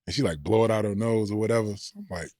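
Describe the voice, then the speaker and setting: A man's voice: lowish voice, fast, warm tone, no room sound, clean studio sound. A middle-aged man, a former pro basketball player, telling slangy, rambling stories as a podcast guest. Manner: laid-back, slangy, rambling. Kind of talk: casual storytelling.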